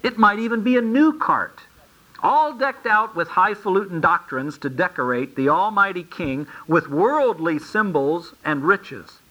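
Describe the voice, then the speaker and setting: A man with a bright, slightly high voice teaches from scripture. He reads the verses aloud and then stops to explain them in homely everyday terms. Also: expressive, unhurried, poor audio. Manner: explains scripture in plain, folksy asides. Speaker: preacher. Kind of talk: sermon, Bible teaching.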